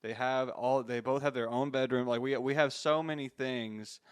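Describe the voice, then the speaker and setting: Smooth-voiced man hosting a faith chat. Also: mid-range voice, steady tone, moderate pace. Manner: reflective, encouraging, many restarts and fillers. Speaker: podcast host. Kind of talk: faith-based interview.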